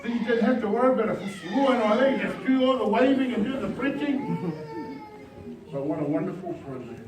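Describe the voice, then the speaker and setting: In a church hall, a high-voiced male pastor whose first language is Samoan delivers a brisk, rousing revival sermon with bilingual asides, swinging from soft remarks to shouted exhortations aimed at the congregation. He sits far from the microphone, so the room echoes, and a steady background noise runs beneath him.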